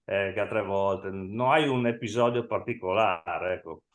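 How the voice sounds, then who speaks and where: A man's voice: lowish voice, unhurried. Hesitant Friulian man, echoey sound. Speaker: podcast guest, Inter fan. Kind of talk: casual football chat.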